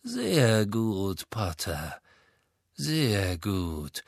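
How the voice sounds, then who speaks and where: A cold, sneering aristocratic wizard villain, as a male narrator puts him on, with a slow, menacing drawl. The voice sits well above the reader's own pitch and pushes louder. It is recorded dry and close. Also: expressive, no echo.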